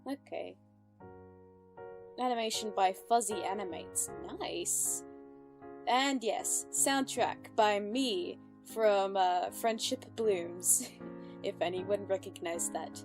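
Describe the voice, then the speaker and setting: Over background music, a woman with a mid-range voice speaks slowly while hosting casual reaction commentary for her channel. She's giggly and upbeat, chatting with plenty of fillers and self-corrections.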